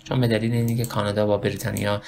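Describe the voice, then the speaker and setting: A man with a Persian accent giving a casual spoken lesson on English pronunciation, rambling and correcting himself as he slowly demonstrates words. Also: fairly low pitch, flat delivery, vocal fry, a little mellow, a little hiss or hum.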